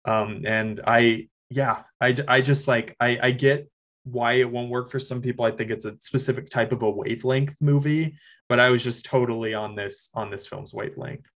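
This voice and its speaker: A man co-hosting a podcast as a film critic, earnestly enthusiastic and halting with fillers. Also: mid-range voice, fairly even intonation, a bit bright. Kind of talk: casual film review chat.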